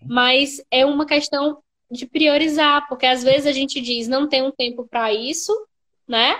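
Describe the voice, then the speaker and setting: A woman's voice: sits high, fairly even intonation, measured pace, a bit bright. A Brazilian woman, a writing teacher, explaining her advice in a casual interview, with frequent filler tags. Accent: Brazilian Portuguese.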